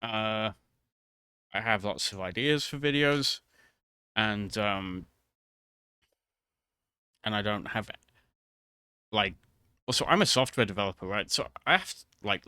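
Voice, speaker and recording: A man with a low, clear voice recorded very dry and close. He rambles casually to his viewers as a video creator, bright in tone but hesitant, halting and restarting his thoughts as he goes. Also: no echo.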